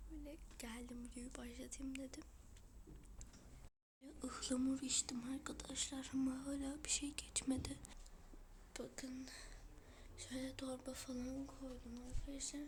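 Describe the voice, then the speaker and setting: A woman with a cold who vlogs from home into her phone. She talks in a hoarse, half-whispered, breathy voice and chats straight to her viewers. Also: high voice, background noise. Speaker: vlogger. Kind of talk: casual home vlog. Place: at home, indoors. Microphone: phone camera.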